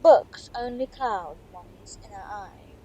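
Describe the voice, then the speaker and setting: A woman playing a theatrical, mystical divination professor who foretells doom with dramatic, drawn-out delivery in an audio drama. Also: mid-range voice, animated, mellow, slightly rough, lo-fi sound. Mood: mystical, welcoming.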